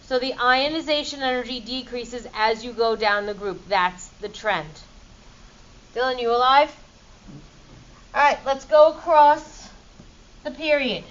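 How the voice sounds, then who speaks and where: Playful middle-aged female chemistry teacher, high voice, muffled classroom recording. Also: measured pace, pauses often, fairly bright tone. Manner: upbeat, playful teacher quizzing students. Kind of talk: classroom lecture.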